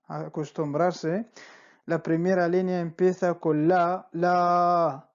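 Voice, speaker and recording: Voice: mid-range voice, darkish tone, highs cut off. A teacher explaining letters in Spanish, stretching out syllables and repeating each word several times, often checking with "¿vale?". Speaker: Arabic teacher. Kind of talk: slow spelling-out lesson.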